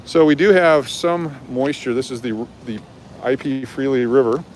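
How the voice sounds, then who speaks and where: This is a street tour guide streaming live as he walks city streets after dark, with a mid-range voice at a normal speed. He explains things in an easygoing, informal way while traffic makes the outdoor recording noisy.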